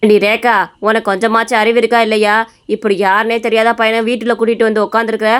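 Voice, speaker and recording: A woman's voice: fairly high pitch, flat delivery, brisk, clean tone, lightly acted. A woman voicing an angry, nagging middle-aged village mother in a cartoon story.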